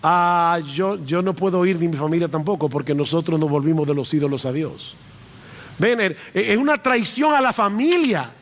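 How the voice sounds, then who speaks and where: A man's voice: a little high, normal speed. A middle-aged male pastor preaching a sermon, emphatic and repeating key phrases for stress. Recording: long reverb of a large hall.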